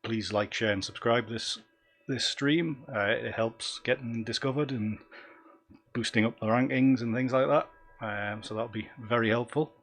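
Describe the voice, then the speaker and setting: A man's voice: medium pitch, fairly even intonation, unhurried, fairly bright tone. A man with a Northumbrian accent hosting a casual live stream, talking in a rambling, self-deprecating and easily sidetracked way. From Northumberland, England. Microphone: desktop microphone.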